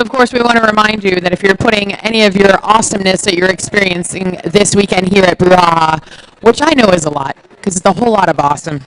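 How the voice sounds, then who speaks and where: A woman's voice: medium pitch, a little hiss or hum, poor audio. A woman announcing at a roller derby event, reading updates in a chatty, enthusiastic way. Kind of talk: sports announcing and sponsor reads.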